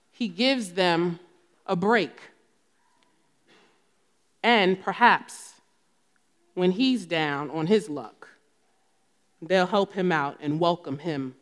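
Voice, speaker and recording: A woman with a New Jersey accent delivers a sermon at an unhurried, deliberate pace. Her storytelling swells into emphatic bursts on scripture, and her voice carries a long reverb, as in a large church hall. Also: lowish voice. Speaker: preacher.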